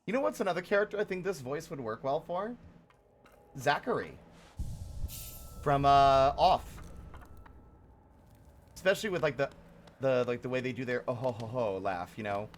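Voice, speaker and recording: A man's voice: mid-range voice, lively intonation, normal speed, pauses often, slight background noise. A man giving casual gameplay commentary as a streamer, thinking aloud. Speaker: game streamer.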